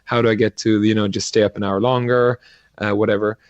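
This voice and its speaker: A middle-aged man from Sweden, a guest entrepreneur talking in a casual interview, halting and restarting often with many fillers. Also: fairly low pitch, little pitch movement, no room sound, muffled recording.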